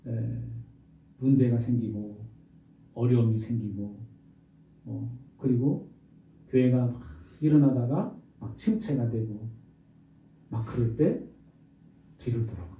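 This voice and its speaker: Male pastor preaching, warm dark voice, far from the mic in a boomy church, kinda muffled. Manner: animated storytelling, rhetorical questions. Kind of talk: sermon. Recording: roomy distant dull recording.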